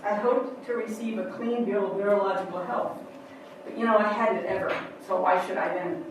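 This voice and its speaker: A woman's voice: mid-range voice, steady tone, normal speed, noisy background. A woman performing a personal memoir in a wry, upbeat, conversational way, recorded from far off in an echoey room.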